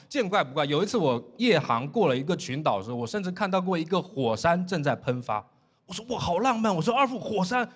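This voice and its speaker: A man from Fujian performing a stand-up comedy set on stage, telling stories in an animated way and mimicking his shipmates in dry, flat asides. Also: fairly high pitch, slight background noise. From Fujian, China. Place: comedy stage before a laughing audience.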